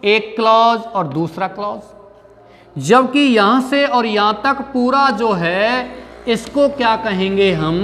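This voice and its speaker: A male teacher with an Indian English accent leads a grammar lesson in a high, unhurried voice. He spells words out letter by letter and asks questions that he answers himself. The room adds a long, ringing reverb. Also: fairly bright tone.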